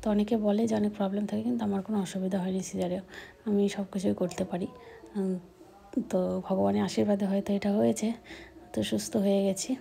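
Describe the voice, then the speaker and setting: A young woman chatting casually in a home vlog, her voice dark, low and gravelly, often dropping to a hushed near-whisper. Her pitch stays flat, and a faint hiss of noise sits behind her. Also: a little fast. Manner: speaks softly, often whispering; baby talk to her infant. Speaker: vlogger.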